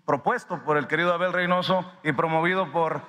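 50s guy at a podium mic, kinda high tense voice, long hall echo. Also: fairly even intonation, bright, forceful tone. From Sonora, Mexico. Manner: earnest and grateful, emphatic with drawn-out pauses. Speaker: independent media director giving a speech. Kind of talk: formal public address. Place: large ornate hall in a palace. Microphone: podium microphone. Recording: long reverb of a large hall.

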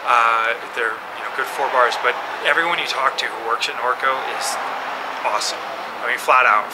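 A man in his thirties giving a casual interview outdoors, easygoing and laughing often at himself, recorded on a camera mic. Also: mid-range voice. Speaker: mountain bike website staffer. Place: outdoors by a building wall. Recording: noisy outdoor camera audio.

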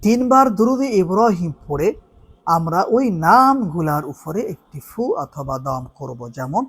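A man giving religious instruction in an earnest, instructive way, slowly drawing out the recited Arabic phrases. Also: sits high, sing-song, fairly bright tone. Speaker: Islamic devotional teacher.

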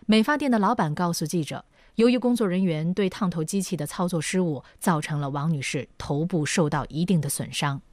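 A woman's voice: on the low side, brisk, few pauses, a little mellow, no room sound. A woman reading scripted news narration as a reporter's voice-over.

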